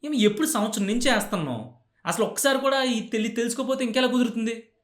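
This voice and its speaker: Man playing a furious scolder: loud, raised pitch, echoey room. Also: fast. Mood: furious scolding. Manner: shouting, scolding. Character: furious man yelling at someone. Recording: roomy echo.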